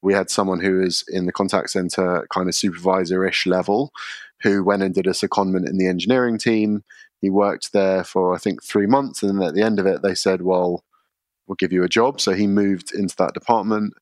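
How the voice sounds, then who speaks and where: A man, a podcast guest explaining his workplace practices in a measured way, often using fillers. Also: low voice, fairly even intonation, dry recording, studio quality. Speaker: guest, contact centre leader. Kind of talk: podcast interview answers.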